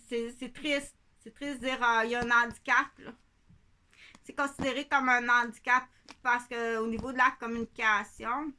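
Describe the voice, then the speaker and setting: A woman's voice: fairly high pitch, pushed and bright. A woman with a Quebec French accent, talking in a rambling monologue that drifts between points, repeats phrases and keeps checking in with her listeners. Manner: digressive, repeats herself, asks "ok?" often.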